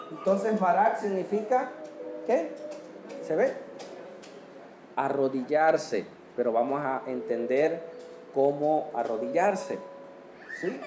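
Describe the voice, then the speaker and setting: This pastor's voice sits high but sounds dark as he preaches in a church hall, quizzing listeners and answering every point with amen, all heard with an echoing hall sound.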